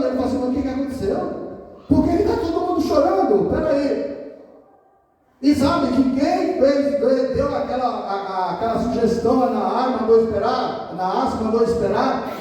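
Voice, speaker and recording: A man preaches with a high, mellow voice, pressing his point through rhetorical questions. He is picked up from some distance in a large church hall. Long reverb trails after each phrase. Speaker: pastor. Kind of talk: sermon. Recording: echoey hall, distant mic.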